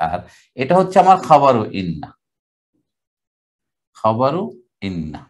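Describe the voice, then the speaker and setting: An older man from Bangladesh teaching Arabic grammar in a classroom lecture, explaining step by step and drawing out the Arabic words slowly. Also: a little high.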